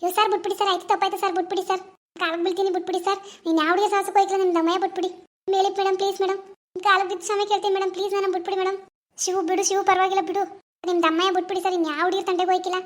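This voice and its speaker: A woman's voice: extremely high pitch, little pitch movement, racing. Woman doing a jeering rowdy. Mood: begging. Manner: jeering, laughing taunts. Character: mocking young village rowdy man, cocky then cowardly.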